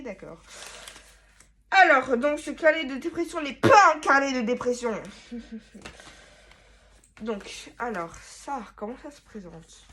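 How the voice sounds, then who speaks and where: This young woman's vlog has her reading aloud from old notebooks in her bedroom, her medium-pitched voice casual and meandering. She mocks herself as she goes and breaks into sudden loud outbursts.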